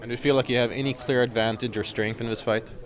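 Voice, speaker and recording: A man runs a pre-fight interview, asking measured questions at an ordinary middle pitch. Small fillers and restarts break his questions. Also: steady tone.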